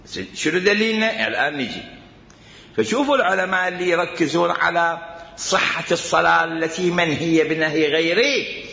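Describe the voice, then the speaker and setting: A man's voice: on the high side, brisk, vocal fry, bright, forceful tone. A man with an Iraqi Arabic accent teaching a jurisprudence lecture, emphatic and repeating his points. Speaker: religious studies teacher. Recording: roomy hall reverb, dull lo-fi.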